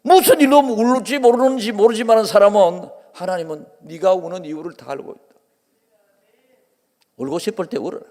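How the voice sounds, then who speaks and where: A man's voice: high-pitched, fairly quick, a little mellow. A male pastor with a Gyeongsang accent preaching a sermon, earnest and repetitive in his cadence. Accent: Gyeongsang Korean. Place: church sanctuary. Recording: long reverb of a church hall.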